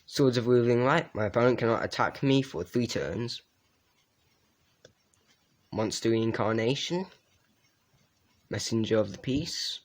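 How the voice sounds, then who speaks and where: With a mid-range voice, a man casually reviews a trading card deck, reading card names aloud and tossing in quick asides full of fillers.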